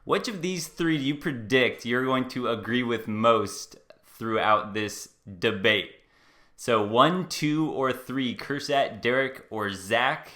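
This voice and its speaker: A man hosting a casual reaction commentary, chatting loosely to his live viewers in quick bursts. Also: mid-range voice, bright, forceful tone. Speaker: host reacting to a debate video.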